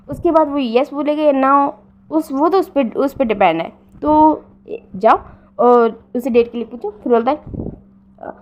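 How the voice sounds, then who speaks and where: A woman casually retelling a romance fan story, often pausing with fillers and correcting herself. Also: sits high, lo-fi sound. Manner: frequent fillers and self-corrections.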